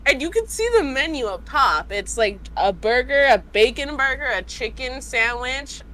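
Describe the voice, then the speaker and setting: A young woman from the United States, co-hosting a casual podcast, animated and laughing as she acts out customers. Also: high-pitched, normal speed, low-quality recording. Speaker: co-host. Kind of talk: casual storytelling chat.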